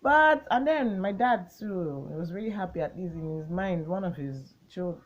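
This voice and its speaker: Low-voiced woman chatting. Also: normal speed, lo-fi sound. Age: 20s. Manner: chatty, rambling, gets excited recounting the story. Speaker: vlogger. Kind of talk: casual storytime chat.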